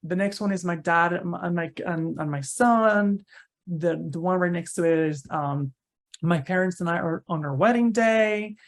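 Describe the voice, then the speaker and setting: A man's voice: high voice, normal speed. A man from Cuba, a university researcher giving an online seminar talk over a video call in a conversational way, often tagging his sentences with "right?" and restarting phrases.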